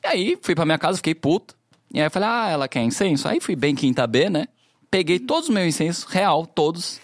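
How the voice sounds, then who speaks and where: Animated man telling a story fast. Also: a little high, no echo, clean studio sound. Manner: lively, mimics the people in his story. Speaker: podcast guest. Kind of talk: animated storytelling in casual chat.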